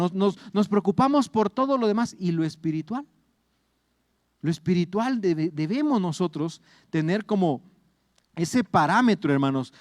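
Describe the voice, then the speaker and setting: A man's voice: a little high, darkish tone, no room sound, clean studio sound. A middle-aged man with a Salvadoran accent preaching a sermon, earnest and repetitive, often calling the congregation brothers. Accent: Salvadoran Spanish. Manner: earnest, repeats words and addresses listeners as brothers. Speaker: pastor.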